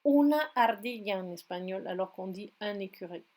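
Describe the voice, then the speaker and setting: A woman's voice: mid-range voice, lively intonation, normal speed, a little mellow. Woman with a Spanish accent teaching. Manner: step-by-step, patient explaining. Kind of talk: screen-recorded tutorial.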